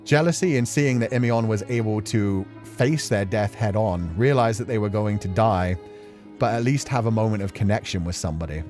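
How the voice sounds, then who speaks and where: Fairly low-pitched and darkish in tone, this male streamer speaks at a moderate pace while hosting a game playthrough. His commentary is casual and reflective, delivered in an earnest, emotional, meandering style over music.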